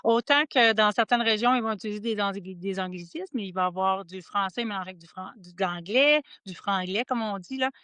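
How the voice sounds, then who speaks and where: A woman from Quebec with a Quebec French accent, co-hosting a podcast in casual chat, often restarting and trailing off into quieter asides. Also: mid-range voice, fairly quick, few pauses, clean tone, no room sound. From Quebec, Estrie region. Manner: chatty, many restarts, drops to quiet asides. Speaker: podcast co-host. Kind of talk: casual conversation.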